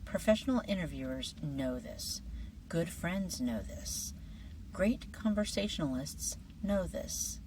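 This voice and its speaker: A low-voiced woman takes it slowly as she teaches a friendly, scripted English lesson, her lively delivery now and then softening into breathy whispers. She is far from the mic, sitting a little back, and the poor-quality audio has faint background noise.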